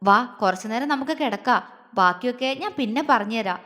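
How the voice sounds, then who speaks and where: A woman's voice: a little high, moderate pace, big-room sound. Woman doing a stern, protective lover. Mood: serious. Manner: calm, serious and reassuring. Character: grown man, protective, stern, tender lover.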